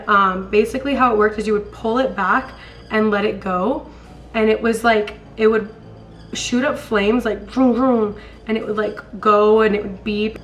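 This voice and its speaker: A young American woman with a smoker's rasp, hoarse from being sick, telling stories in a casual, rambling, slangy chat. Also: medium pitch, a bit bright, slight background noise, low-quality recording. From California, later Colorado, US. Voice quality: raspy, like a smoker's voice. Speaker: storytime vlogger.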